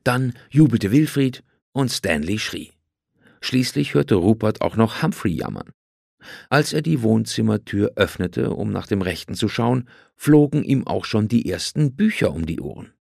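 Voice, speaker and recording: A man reading a children's storybook aloud with lively, expressive storytelling. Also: lowish voice, unhurried, gravelly, slightly rough, no echo, studio quality. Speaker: narrator.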